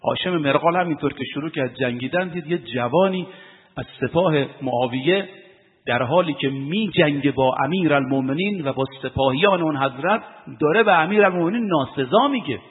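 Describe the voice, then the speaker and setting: A man preaching with emphatic force, his voice climbing to loud exhortation. His voice sits somewhat high for a man. It comes through thin and phone-like, with a long hall reverb trailing after it. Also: expressive. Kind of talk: sermon storytelling to a congregation.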